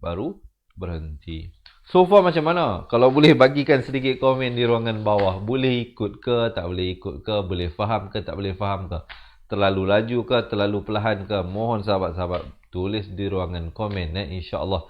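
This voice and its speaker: A man with a Malaysian Malay accent teaching Quran recitation rules, moving between slow drawn-out demonstrations and quick explanations that trail off softly. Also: lowish voice, dull audio.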